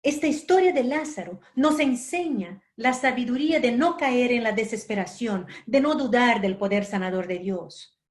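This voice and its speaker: A woman from Brazil giving a spiritual lecture, telling a personal story in a gentle, unhurried way with soft asides. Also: on the high side, expressive.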